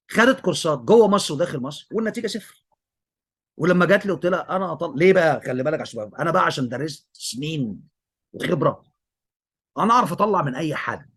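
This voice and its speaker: A man's voice: a little high, a bit bright, husky. A man with an Egyptian Arabic accent, an English teacher giving emphatic commentary and repeating his praise of a student.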